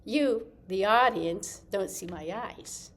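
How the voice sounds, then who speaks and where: A woman's voice: medium pitch, takes it slowly. A woman giving a casual acting lesson to camera, chatty and loose, often restarting her sentences as she demonstrates. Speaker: acting teacher.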